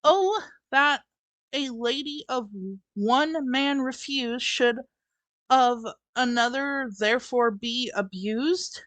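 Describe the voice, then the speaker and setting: Woman doing a scorned young noblewoman, high and very slow, dry close sound, amateur reading. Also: fairly bright tone, no echo. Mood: hurt. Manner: halting, restarting lines. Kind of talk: amateur live-stream Shakespeare reading.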